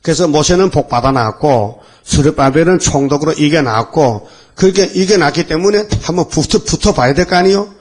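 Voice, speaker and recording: A man's voice: a little high, animated, brisk. A male pastor preaching a dawn worship sermon in a rambling, fiery way, firing off rhetorical questions.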